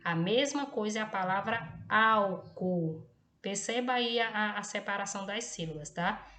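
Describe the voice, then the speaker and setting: A woman's voice: medium pitch, sharp tone. Patient woman teacher explaining a lesson. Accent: Brazilian Portuguese. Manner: explains slowly with frequent tag checks, tá and ok. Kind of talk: recorded classroom lesson for children.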